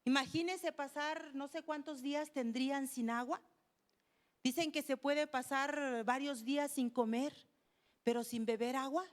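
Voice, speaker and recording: A woman's voice: high voice, fairly even intonation, unhurried. A woman preaching a sermon to a congregation in a conversational way, often turning to them with questions. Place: church.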